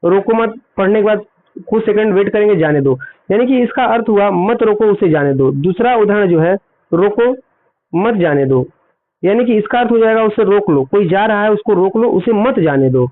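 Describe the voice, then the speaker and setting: A man's voice: high-pitched, brisk. A man teaching an exam-prep grammar lesson, explaining step by step and asking questions he then answers himself. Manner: explanatory, repeats points and asks then answers quiz questions. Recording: tinny phone-like audio.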